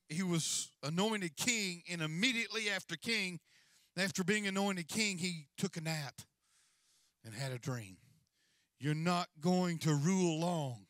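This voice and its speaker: A man's voice: high-pitched, pushed and bright, no echo. A middle-aged man preaching a sermon as senior pastor on a large church stage, with a handheld mic and a repetitive, rising and falling cadence.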